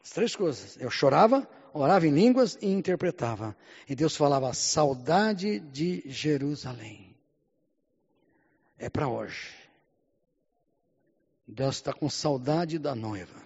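A Brazilian man preaching a sermon in Portuguese, often calling out "Amém?" and "Glória a Deus", swinging between loud and hushed lines. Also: a little high, animated, takes it slowly, long pauses, slightly rough. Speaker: pastor. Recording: muffled sound with long hall reverb.

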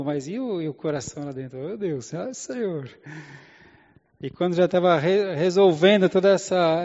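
A man's voice: a little high, darkish tone. Conversational preacher man in an echoing hall. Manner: conversational preaching, asks the congregation for amens. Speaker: pastor. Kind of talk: sermon. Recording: echoey hall, dull lo-fi sound.

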